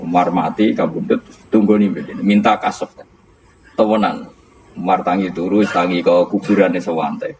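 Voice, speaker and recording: A man with a Central Javanese accent giving a relaxed, storytelling sermon, joking and quizzing his listeners. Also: fairly low pitch, a little hiss or hum, poor audio. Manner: jokey, laughs often, asks the audience questions. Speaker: Islamic cleric teaching a study circle.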